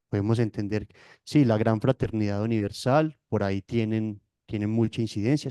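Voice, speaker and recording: A man speaks in a lecturing yet conversational way, his voice dark and mellow. The sound is dry and close, with no room around it. He keeps checking in with short tag questions as he explains. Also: on the low side, clean tone, no echo. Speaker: yoga teacher, guest. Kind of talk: explanatory interview talk.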